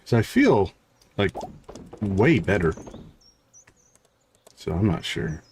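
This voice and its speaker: A man hosts a live game stream, thinking aloud in short, casual fragments and chatting with viewers, a slight catch in his throat. His voice is on the low side, sing-song and a little mellow, and he speaks slowly. There is slight background noise.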